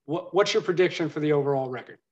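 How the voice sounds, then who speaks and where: Fast-talking man in his thirties. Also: on the high side, dull audio. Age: 30s. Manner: excited, swears casually. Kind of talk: casual sports chat.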